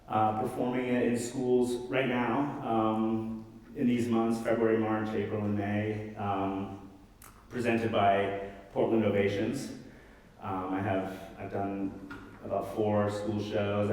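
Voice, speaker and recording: A man, a musician and storyteller, talking to a live audience from the stage in a halting, measured way. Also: lowish voice, a little mellow, slight background noise. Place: large indoor performance space. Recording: very echoey hall, distant mic. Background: plucked guitar.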